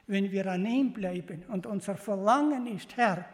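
Man, lay preacher, fervent sermon, halting repetitive phrasing, long hall reverb. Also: high-pitched. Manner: earnest, repetitive, addresses listeners as beloved; halting, loosely built sentences with restarts.

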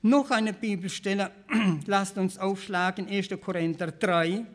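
Preaching in a Swabian accent, this man speaks in a high voice at a measured pace. He is earnest and repetitive, often starting phrases over and pausing to clear his throat.

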